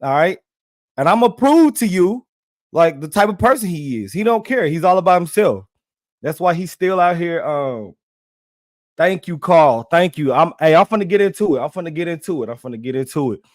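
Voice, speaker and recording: A man's voice: a little high, lively intonation, normal speed, darkish tone, no room sound, clean studio sound. A young man, animatedly hosting a casual livestream and repeating himself as he talks straight to his viewers in slang. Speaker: livestream host.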